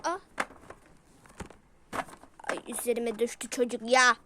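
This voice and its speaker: A woman's voice: a little high, steady tone, takes it slowly, noisy background. A woman doing a toy role-play, voicing several pet characters and switching between playful character voices. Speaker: toy video creator.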